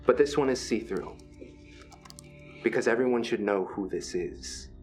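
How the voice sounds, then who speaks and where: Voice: medium pitch, measured pace, a little mellow. A game master narrating a tabletop role-playing game with dramatic, suspenseful scene-setting. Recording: music behind the voice.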